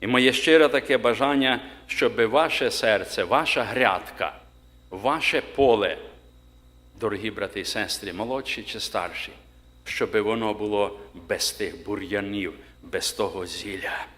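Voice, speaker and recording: A man preaching a sermon to his congregation, emphatic, slowing down to read scripture aloud. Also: on the low side, a bit bright. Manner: emphatic, rising on key words, slows to read scripture. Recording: long reverb of a church hall.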